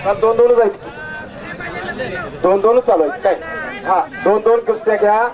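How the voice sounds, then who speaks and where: A man commentating on a wrestling match over a loudspeaker outdoors, commanding the crowd and the referees. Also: high-pitched, moderate pace. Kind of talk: live event commentary. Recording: muffled loudspeaker sound outdoors.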